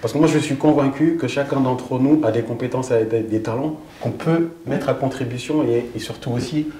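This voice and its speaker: Brief: mellow-voiced man in his forties, interview guest who keeps restarting sentences, recorded in an echoey room. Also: mid-range voice, a little fast, slight background noise. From Senegal. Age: 40s. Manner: animated storyteller, frequent hesitations and restarts. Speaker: guest author. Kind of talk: interview answers.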